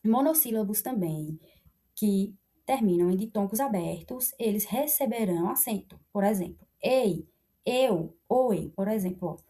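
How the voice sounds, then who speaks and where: Warm-voiced woman teaching grammar. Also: medium pitch, lively intonation. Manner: explains slowly with many checks like "né?" and pointing "ó". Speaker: Portuguese language teacher. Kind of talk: classroom grammar lesson.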